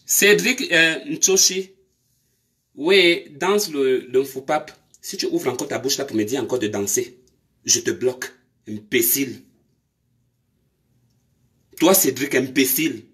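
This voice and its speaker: A woman's voice: a bass voice, a little slow, a bit bright. Scolding woman live-streaming. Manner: scolding, confrontational, rhetorical questions. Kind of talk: live-stream rant to commenters.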